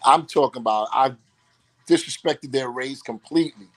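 A man's voice: medium pitch, normal speed. A man, an actor telling stories in a casual interview and acting out the lines he quotes. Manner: animated storyteller, acts out quotes.

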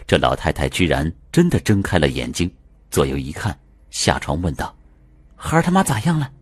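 A man's voice: low voice, husky, no room sound. A man narrating an audiobook in the first person, telling the story expressively.

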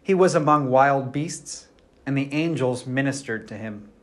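A man serving as priest, reading the Gospel at Mass and then preaching a homily with a measured, storytelling delivery, his voice carrying a roomy church echo. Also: mid-range voice.

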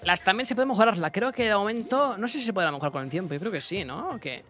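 A young man giving casual let's-play commentary, excitable, talking to himself and his chat with bursts of yelps. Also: high-pitched, fast, soft background music. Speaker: gaming streamer.

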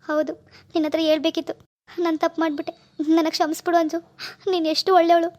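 Cartoon husband, apologetic and pleading, voiced by a woman, high-pitched. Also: flat delivery, quick pace, a little mellow. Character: remorseful husband pleading with his wife. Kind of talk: cartoon voice acting.

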